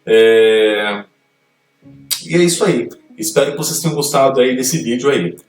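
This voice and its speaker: A man's voice: medium pitch, unhurried, distant mic. A man teaching an English grammar lesson, reading rules aloud and explaining them step by step. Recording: echoey room, voice off-mic, faint music.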